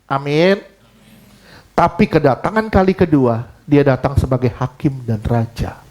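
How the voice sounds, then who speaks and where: A man's voice: mid-range voice, unhurried, a little mellow. A man preaching a sermon in church, emphatic, asking the congregation questions and mixing in casual slang. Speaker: pastor.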